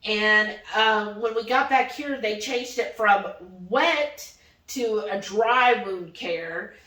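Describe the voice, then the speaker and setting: Speaking slowly at a medium pitch, a woman hosting a vlog animatedly recounts a personal story, frequently putting on voices to quote what people said. A distant microphone gives the audio a roomy echo.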